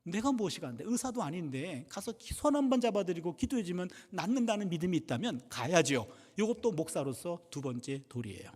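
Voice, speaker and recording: Lively, high-voiced preacher in a reverberant church. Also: male voice, fairly quick, hardly any pauses. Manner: humorous, storytelling with acted-out dialogue. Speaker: pastor and professor. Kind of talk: sermon at a revival service. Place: church sanctuary. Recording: long reverb of a church hall.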